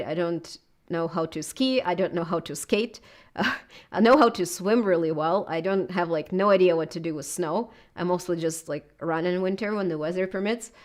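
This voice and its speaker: Being interviewed, this YouTuber, a woman in her thirties from southern Russia, talks in a relaxed but hesitant way, her lowish voice carrying a Russian accent and many fillers.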